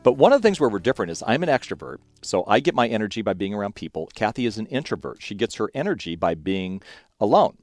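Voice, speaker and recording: A man hosting a radio talk show, telling a lively story about his marriage and acting out what people said. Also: on the low side, fast talker, dry recording. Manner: lively anecdote teller, acts out quoted lines. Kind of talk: casual radio conversation, storytelling.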